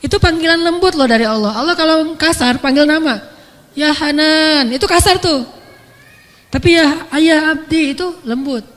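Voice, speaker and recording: A woman preaching a casual, conversational sermon, telling stories and acting out dialogue with shifting pitch. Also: fairly quick. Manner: lively storytelling, acts out dialogue with shifting pitch. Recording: echoey hall with music behind.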